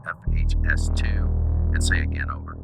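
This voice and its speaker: A calm base radio operator talks over a walkie-talkie in a game trailer. The voice is extremely low and gravelly, with clipped radio procedure. It sounds distant, buried under loud electronic music. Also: male voice, normal speed, exaggerated voice. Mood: steady.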